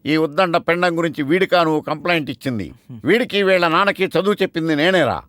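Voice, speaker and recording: A man's voice: fairly high pitch, lively intonation, quick pace, fairly bright tone, no room sound. An actor playing a strict, pompous old college lecturer who scolds and punishes his students. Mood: stern. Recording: film soundtrack with music.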